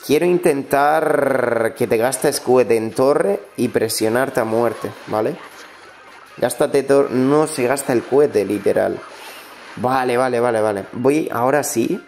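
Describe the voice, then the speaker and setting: Soft-spoken man commenting a game. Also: mid-range voice, a little hiss or hum. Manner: talks quietly and a little oddly, ASMR-style; excitable, bursts out loud at big plays. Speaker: gaming streamer.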